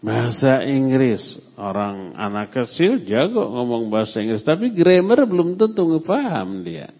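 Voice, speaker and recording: A middle-aged man teaches a religious lesson at a deliberately slow pace. He speaks with emphasis and quizzes the listeners now and then. His voice rings in a long hall reverb through a dull, muffled recording. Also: medium pitch, sing-song. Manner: unhurried, emphatic, quizzes the audience. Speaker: Islamic teacher. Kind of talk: religious study lecture.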